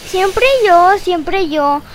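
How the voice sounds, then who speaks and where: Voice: very high-pitched, drawn-out words, slight background noise, exaggerated voice. Una voz que interpreta a un niño fantasma travieso y quejón con acento mexicano. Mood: cheeky. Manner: whiny, teasing. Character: cheeky little boy ghost.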